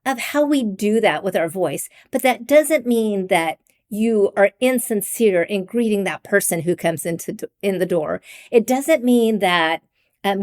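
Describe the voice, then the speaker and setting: Middle-aged woman, sincere solo podcast talk, ums and little laughs, mid-pitched voice. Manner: earnest, with frequent ums and soft laughs; mimics raised greeting voices. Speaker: podcast host and life coach.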